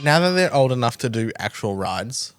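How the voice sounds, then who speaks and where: A woman co-hosting a podcast in casual chat, hoarse and half-sick, rambling with fillers and deadpan jokes. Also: very deep voice, moderate pace, noisy background. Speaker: podcast co-host.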